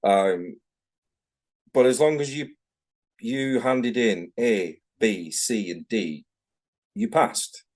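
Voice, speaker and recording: Slow-paced with long pauses, this middle-aged Mancunian tattoo artist has a fairly low, darkish voice yet sounds animated. Interviewed casually over video call, he's frank and rambling, frequently correcting himself in his Manchester accent.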